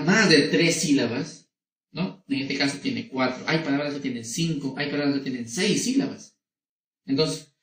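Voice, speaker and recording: Guy teaching little kids, gravelly voice, slow, keeps asking "right?" after everything. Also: on the high side, a bit bright. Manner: checks in constantly with short tag questions; spells out words slowly, syllable by syllable. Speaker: schoolteacher. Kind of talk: online lesson for young children.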